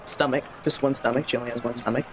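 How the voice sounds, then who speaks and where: During a tabletop game, a man casually narrates his character in improvised roleplay, rambling and cutting himself off. He speaks fast at medium pitch with a steady tone, over faint background noise.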